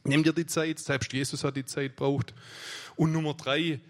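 A man's voice: fairly high pitch, flat delivery, moderate pace. A man preaching a sermon, crying out emphatic declarations, then explaining in a loose, conversational way.

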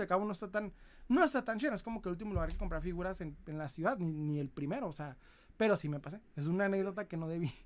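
A man with a Mexican accent hosting a collectibles livestream, telling rambling, profane anecdotes in casual chat. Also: high voice. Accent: Mexican Spanish.

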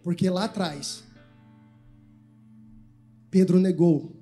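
A man's voice: high voice, steady tone, slow pace, warm tone, faint music behind. A man preaching a sermon as pastor, giving the congregation commands to repeat after him. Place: church.

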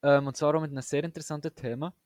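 A man's voice: a little high, steady tone, very fast, darkish tone, dry recording, studio quality. A young man co-hosting a casual podcast chat, talking eagerly with slang and many restarts. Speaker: podcast co-host.

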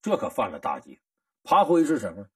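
A man's voice: mid-range voice, huge pitch swings, fairly quick, darkish tone, breathy edge, dry recording, studio quality, recorded from a distance. A man giving a folksy storytelling lecture about helping others, with rhetorical questions and colloquial asides. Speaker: storyteller teacher.

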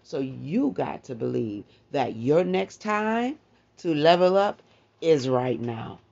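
Man, gravelly voice, preacher, morning devotional, exhorting and repetitive, dull lo-fi recording. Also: a little high, expressive, slow pace, darkish tone.

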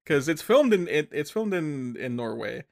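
A man's voice: a little high, very animated, moderate pace, creaky. A man co-hosting a podcast, recapping a film in casual chat, rambling and correcting himself as he goes, often laughing. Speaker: podcast co-host. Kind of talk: casual movie review chat.

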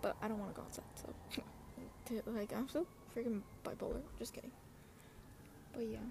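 Speaking at normal speed, this young woman has a somewhat high, gravelly voice with a steady tone. As a podcast host she rambles casually about personal things, slangy and scattered, frequently interrupting herself, while wind, traffic and general outdoor noise fill the background.

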